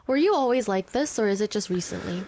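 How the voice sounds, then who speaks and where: A woman's voice: medium pitch, lively intonation, fast talker, darkish tone, a little hiss or hum. A woman in her twenties hosting a radio show in casual chat, teasing and blunt in a playful way. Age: 20s. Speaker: radio host.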